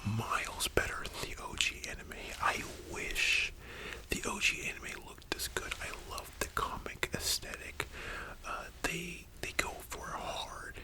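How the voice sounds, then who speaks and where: An ASMR host whispering softly in a library-style whisper, chatting informally with slangy, opinionated fan commentary. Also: unhurried, poor audio. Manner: soft unvoiced whispering throughout.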